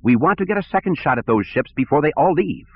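A man putting on a high, fussy pompous director. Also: animated, fast talker, husky. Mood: snappish. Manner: fussy, bureaucratic, impatient. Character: petty, pompous male space station director. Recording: tinny phone-like audio.

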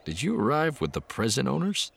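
A man's voice: mid-range voice, huge pitch swings, a little fast, creaky, fairly bright tone, breathy edge, pitched above the performer's own voice, heavily acted. A man voicing a jovial old hermit who talks in a folksy, chuckling, rambling way.

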